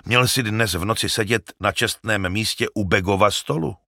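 A man voicing a talkative, excitable old male shepherd in an audiobook, loud and emphatic. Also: lowish voice, no room sound, studio quality. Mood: eager. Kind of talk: audiobook character reading.

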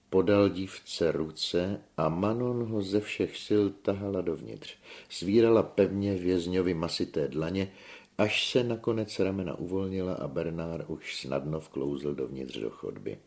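Very deep gravelly male narrator. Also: darkish tone. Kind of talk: audiobook novel reading.

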